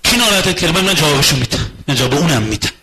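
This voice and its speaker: A man with a slightly high, husky voice talks through a marriage in conversational lecture style. He repeats phrases for rhythm and slips into acting out both husband and wife in rapid exchanges, with a forceful edge to his delivery. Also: sing-song, poor audio. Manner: acts out both spouses in quick dialogue. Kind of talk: lecture on relationships.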